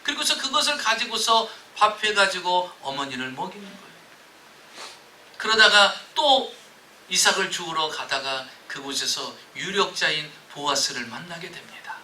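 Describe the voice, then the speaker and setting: A man's voice: high-pitched, expressive, normal speed, sharp tone, roomy sound, far from the mic, a little hiss or hum, rough recording. A man preaching a sermon as pastor, telling stories and joking with his congregation. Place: church sanctuary.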